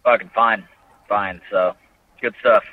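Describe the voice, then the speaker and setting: A man chatting casually and swearing, heard as a thin, bassless phone-like voice through his car's Bluetooth. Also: steady tone, slow pace. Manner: laid-back, swearing, laughs along. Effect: thin, bassless phone-like sound over car Bluetooth. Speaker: podcast co-host calling in. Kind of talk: casual chat. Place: in his car. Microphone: car Bluetooth hands-free.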